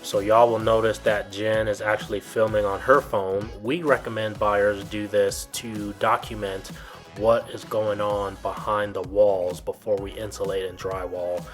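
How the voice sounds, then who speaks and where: A man's voice: lowish voice, level tone, measured pace, soft background music. A man giving an explanatory, informal video tour narration as a home builder's guide, in a plain, instructive way.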